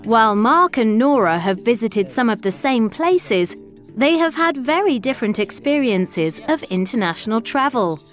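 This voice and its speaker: A woman's voice: a little high, big pitch swings, moderate pace. Woman narrating over prominent music. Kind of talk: scripted documentary narration. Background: background music.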